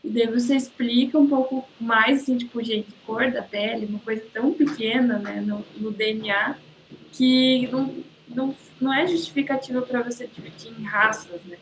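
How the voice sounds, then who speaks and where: A woman's voice: on the high side, steady tone, moderate pace, slight background noise, low-quality recording. A woman with a Brazilian accent, a student speaking up in an online class, hesitant and searching for words. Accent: Brazilian Portuguese. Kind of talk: class discussion. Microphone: video call.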